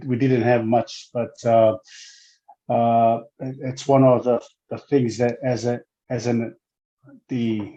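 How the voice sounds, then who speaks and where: A man's voice: medium pitch, warm tone. Hesitant man, muffled lo-fi sound. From Samoa. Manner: hesitant, many fillers and restarts. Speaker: guest, former rugby player. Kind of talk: casual interview.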